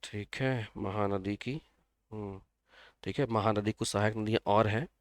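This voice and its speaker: A man teaches a live online geography lesson for exam preparation, repeating key points and checking that students can follow. His voice is smooth and resonant. It is recorded dry and close. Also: fairly low pitch, steady tone, measured pace, no room sound. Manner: repetitive, checks on students, uses memory tricks.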